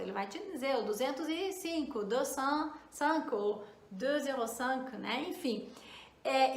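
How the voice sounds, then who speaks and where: High, bright-voiced woman teaching French. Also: echoey room. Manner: patient, checks in often with the learner; spells words out and repeats them slowly. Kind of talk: online language lesson.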